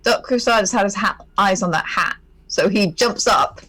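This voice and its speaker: A woman's voice: medium pitch, normal speed, fairly bright tone, husky. A woman playing a tabletop game, chatty and playful as she describes her moves. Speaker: player. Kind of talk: casual tabletop play.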